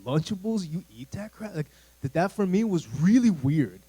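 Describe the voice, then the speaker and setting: A man in his thirties, a youth pastor from the United States, talks to a church youth group in a church room, casual and rambling with many fillers and asides. His high-pitched voice is mellow with a breathy edge, lively intonation and normal speed, on a rough recording.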